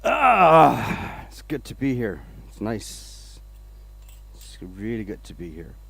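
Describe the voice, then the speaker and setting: A man's voice: mid-range voice, huge pitch swings, takes it slowly, gravelly, fairly bright tone, slightly rough. A man from Denmark, hosting a casual woodturning livestream, rambling along and greeting viewers by name.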